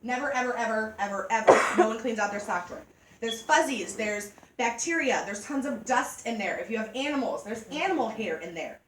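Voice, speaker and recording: A woman giving a joking, animated sales demonstration to a group of women. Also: on the high side, a little fast, slight background noise. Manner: chatty, joking, animated storytelling. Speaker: party product consultant. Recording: echoey room from far off.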